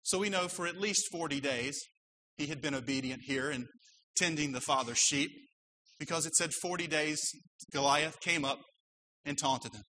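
A man's voice: fairly high pitch, moderate pace, pushed and bright, slight background noise, rough recording. A man who is a pastor, preaching a sermon earnestly with emphatic rises.

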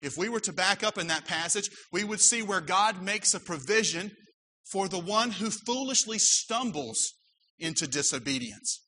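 A man's voice: high-pitched, lively intonation, moderate pace, pushed and bright, low-quality recording. A man who is a pastor, preaching a sermon earnestly with emphatic rises.

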